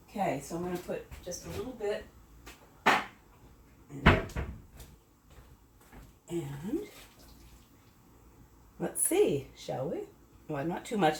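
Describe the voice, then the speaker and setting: A woman's voice: fairly low pitch, heavy background noise. A middle-aged woman hosting her own home cooking video, chatting casually and rambling as she tastes the food. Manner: chatty, rambling, self-correcting, tasting food as she talks. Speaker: home cooking channel host. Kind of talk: casual cooking demo chat. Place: home kitchen. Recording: echoey kitchen, voice from a distance.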